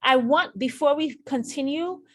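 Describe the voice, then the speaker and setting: A woman with a high-pitched voice teaches a nursing exam lesson through screen share, speaking at a moderate pace with no echo. She addresses her viewers directly and repeats key points for emphasis.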